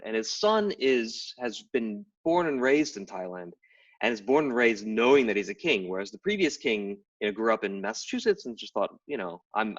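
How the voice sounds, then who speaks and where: This is a lowish, fairly bright male voice belonging to a middle-aged game writer and anthropologist from Tidewater, Virginia. In a casual interview he gives long explanations, peppered with fillers and restarts, heard through distant, dull lo-fi live stream sound.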